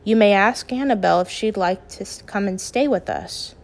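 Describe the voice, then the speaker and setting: A woman reading as a steady, calm father. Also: mid-range voice, gravelly, close to an everyday voice. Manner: calm, measured, gently firm. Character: steady middle-aged father, practical and kind.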